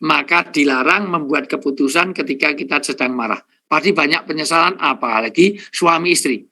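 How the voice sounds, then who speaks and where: Speaking at a normal speed in a slightly high, pushed and bright voice, a middle-aged Islamic preacher gives a funny sermon before a live crowd. He jokes, talks straight to his listeners and lists his points one by one.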